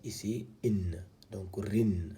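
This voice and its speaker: A man's voice: fairly low pitch, steady tone, extremely slow, warm tone, a little hiss or hum. A man teaching how to read script, patiently sounding out syllables one by one in a step-by-step lesson. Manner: patient, repeats syllables one by one, frequent "donc". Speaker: Quran reading teacher.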